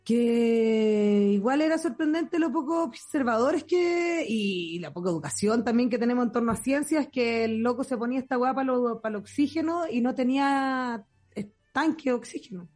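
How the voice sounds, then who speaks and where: A young adult woman with a Chilean accent, co-hosting a casual podcast chat and telling animated, slang-filled stories. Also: a little high, moderate pace, soft background music. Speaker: podcast co-host.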